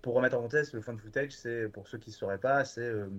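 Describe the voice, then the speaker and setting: A guest from a horror streaming platform chats casually and enthusiastically on a podcast, with plenty of fillers and restarts. His mid-range voice is brisk, and the audio sounds dull.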